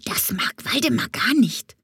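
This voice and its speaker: Woman doing a shrill, cheeky parrot. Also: animated, measured pace, fairly bright tone, breathy edge, no room sound, whispered, studio quality, heavily acted. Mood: nosy. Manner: shrill, nosy. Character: cheeky screeching male parrot. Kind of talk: children's audiobook narration.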